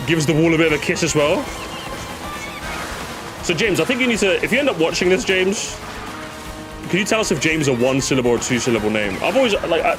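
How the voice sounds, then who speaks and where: A young man streaming in casual chat, rambling and joking with mock outrage at his chat. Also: on the high side. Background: music playing.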